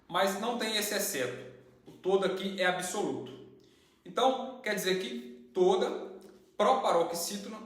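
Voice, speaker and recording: A young man teaching a lesson, explaining step by step with examples and rhetorical questions. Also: sits high. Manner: didactic, steady, uses worked examples and rhetorical questions. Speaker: channel host and study teacher. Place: indoor room with tiled floor. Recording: very echoey room.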